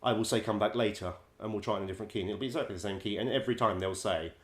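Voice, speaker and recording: A man, a musical director and vocal coach, telling wry stories in a chatty way, laughing often and filling pauses with ums. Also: lowish voice, reverberant. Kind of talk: casual anecdote-telling.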